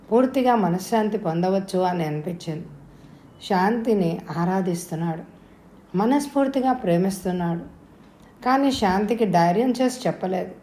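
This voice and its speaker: A woman narrating an audio novel in a steady, measured storytelling voice. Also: mid-range voice. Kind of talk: scripted narration. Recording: roomy echo.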